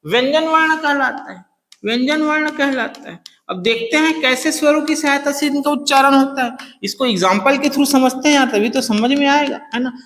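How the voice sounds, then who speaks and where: A male teacher giving an exam-prep lecture, asking questions and answering them himself, and slowly repeating key phrases. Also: very high voice, a bit bright, slight background noise. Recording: echoey room with long reverb.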